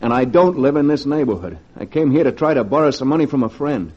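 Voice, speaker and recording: A quick-paced, expressive, medium-pitched voice with a breathy edge belongs to an actor playing a desperate, penniless male locksmith in a 1940s radio drama. He sounds strained and pleading, and the vintage recording is dull, with music.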